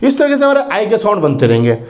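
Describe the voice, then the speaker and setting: A man teaching English phonics, drawing out each word slowly and answering his own questions as he goes. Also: high-pitched, wildly swooping pitch, a little mellow, highs cut off. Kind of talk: phonics lesson.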